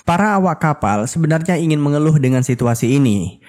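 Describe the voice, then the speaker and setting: A man's voice: a little high, animated, fairly quick, background noise. A man narrating a film's plot as scripted storytelling with casual asides. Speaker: film recap narrator.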